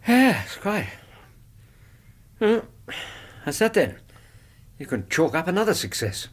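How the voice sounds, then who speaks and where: Earnest English doctor, expressive intonation. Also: male voice, fairly high pitch, takes it slowly, full character voice. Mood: hearty, indignant. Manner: gentlemanly, earnest. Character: loyal, decent, indignant Victorian English doctor, detective's companion. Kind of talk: radio drama acting and narration.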